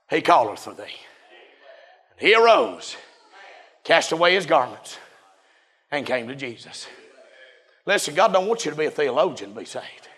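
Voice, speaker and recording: A man preaching a revival sermon in a chanting, shouting cadence. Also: fairly high pitch, slightly rough.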